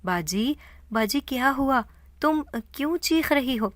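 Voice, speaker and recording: A woman's voice: high-pitched, animated, dry recording, pitched above the performer's own voice. A woman voicing a man, a greedy and cowardly younger brother who pleads in panic. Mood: panicked.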